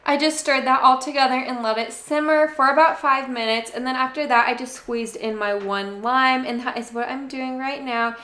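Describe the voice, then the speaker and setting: A young woman narrating a casual cooking video from her home kitchen, chatty and relaxed, talking straight to her viewers. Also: sits high, moderate pace, hardly any pauses, reverberant. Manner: chatty, relaxed, addresses viewers as "you guys". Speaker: cooking channel host.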